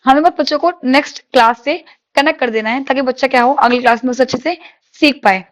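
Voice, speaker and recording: A woman teaching an exam-prep lesson, reading English questions slowly and explaining them in Hindi, asking the class questions. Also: high-pitched.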